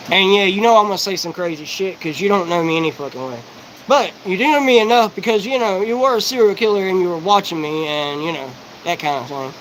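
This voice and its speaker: A man in his forties delivers a disjointed live-stream monologue, swearing freely as he jumps from thought to thought. His voice sits high for a man, and he talks in quick, tumbling bursts. A faint hiss of noise runs underneath. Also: animated, a bit bright, low-quality recording. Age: 40s. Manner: rapid, profane, rambling and disjointed. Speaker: livestreamer.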